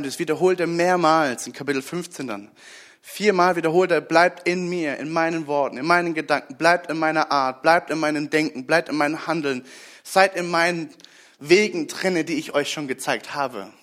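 A man preaching a sermon in a conversational way, often asking his listeners for agreement and dropping to a soft voice on key points. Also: fairly high pitch.

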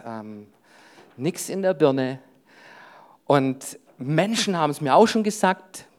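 Male preacher, family man, youth sermon, punchy and direct, peppered with "hey", sinks his voice low for inner thoughts. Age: adult with wife and children. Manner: emphatic, often breaks in with "hey". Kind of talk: sermon to young people.

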